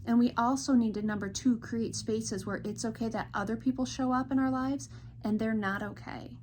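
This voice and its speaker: A woman in her thirties, a licensed counselor, speaking earnestly and gently to camera in a reassuring reflective talk. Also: a little high, steady tone, moderate pace. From Michigan.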